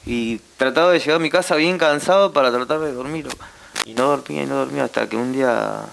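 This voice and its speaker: A young Argentine man with a Rioplatense accent tells a heartfelt testimony in halting bursts, leaning on tag questions. His voice has a gravelly, fried edge at a middling pitch, over a faint hiss. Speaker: guest. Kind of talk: emotional personal testimony.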